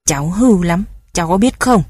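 A commanding old grandfather's spirit from a spoken storybook, grave and slow with the children he scolds, voiced by a woman. The voice is husky and close, with a dry, dead sound around it. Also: on the low side, warm tone, no echo. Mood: stern. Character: stern caring old grandfather ghost.

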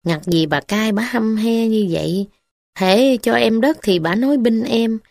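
Woman playing a timid village official man, Southern Vietnamese accent, slow apologetic talk, dry close recording. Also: a little high, a little mellow, no echo. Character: timid middle-aged male village official, hand-wringing.

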